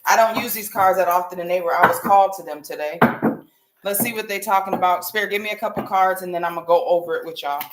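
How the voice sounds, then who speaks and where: A woman's voice: fairly low pitch, quick pace. An American woman giving a casual psychic hotline style tarot reading on a livestream, informal and slangy, speaking straight to her viewers. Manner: informal, familiar, addressing viewers directly with slang. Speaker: tarot reader hosting a live stream. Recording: roomy echo with light background noise.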